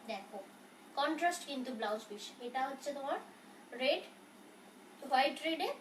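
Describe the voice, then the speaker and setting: A soft-spoken woman selling sarees on a live stream, talking in a chatty, reassuring way as she answers viewers' questions. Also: sits high. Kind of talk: casual live sales talk. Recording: roomy, from a distance, faint noise.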